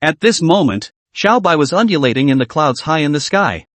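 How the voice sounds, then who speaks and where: Lively male recap narrator, dry sound. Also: on the high side, a little fast, dry recording.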